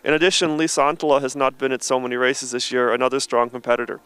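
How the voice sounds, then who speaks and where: A man's voice: mid-range voice, level tone, fast, fairly bright tone, clean tone, dry recording. A man interpreting a Russian interview as voice-over, summarising with fillers.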